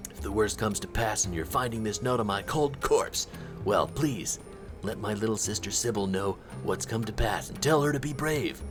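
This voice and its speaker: A brave young frat-bro soldier reads out his last farewell note, voiced by a man. His voice sits a little low. Game music plays clearly behind him. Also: close to an everyday voice. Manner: reading a farewell note in character. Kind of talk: in-game lore note read aloud.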